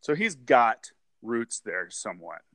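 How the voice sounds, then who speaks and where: A man's voice: medium pitch, big pitch swings, a little slow, a bit bright, no echo. A man in his forties, a guest on a casual interview, rambling and repeating words, with frequent laughs. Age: 40s.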